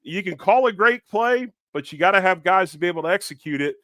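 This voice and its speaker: A man's voice: sits high, lively intonation, fast, bright, forceful tone, dry recording, studio quality. A man on a sports podcast, making his points in a punchy, emphatic manner and speaking directly to listeners. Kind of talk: casual sports talk.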